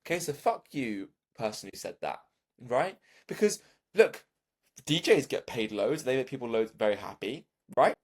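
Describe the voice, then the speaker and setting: A young man, a gym owner, giving a casual coaching lesson in an animated way, with swearing and quick restarts. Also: medium pitch, husky.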